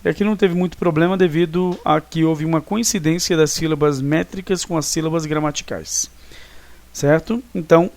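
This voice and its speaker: A teacher from Brazil giving a recorded lesson, explaining patiently and stopping often to check that students follow. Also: male voice, a little high, steady tone, darkish tone. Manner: explanatory, checks understanding with frequent tag questions; counts syllables slowly and deliberately.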